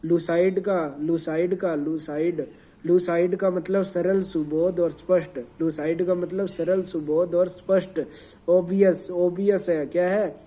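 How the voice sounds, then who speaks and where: High, mellow-voiced man drilling revision. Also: steady tone, a little slow. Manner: repeats and quizzes, spells words letter by letter. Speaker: teacher. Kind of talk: quick revision lesson.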